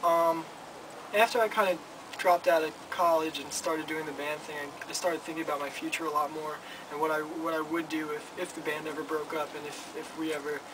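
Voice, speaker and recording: Brief: young male front man, rambling and stammering, voice a bit high, recorded from a distance in noise. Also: level tone, fairly quick. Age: 20s. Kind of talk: casual interview chat. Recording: noisy, from some distance.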